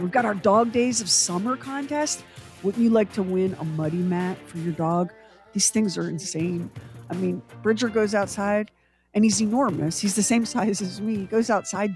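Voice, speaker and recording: A woman co-hosting a morning radio show, introducing a segment and reading promos in an upbeat manner. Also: medium pitch.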